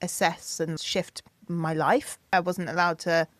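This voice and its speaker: A woman in her thirties, a singer and producer, tells stories animatedly in a podcast interview, acting out what others said in a raised voice. Her pitch is fairly low, her pace measured, and the recording is dry.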